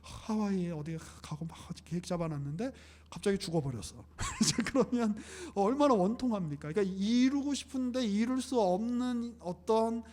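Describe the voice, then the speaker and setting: A man's voice: sits high, expressive, normal speed, few pauses, darkish tone, a little hiss or hum. A young man preaching a casual live-streamed sermon, chatty and joking, often laughing. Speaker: pastor.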